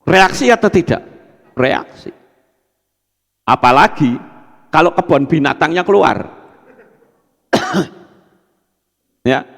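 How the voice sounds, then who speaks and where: Gravelly, animated man preaching a sermon. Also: takes it slowly, pauses often, long reverb tail. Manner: addresses congregation, acts out quoted speech in soft low voice. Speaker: pastor.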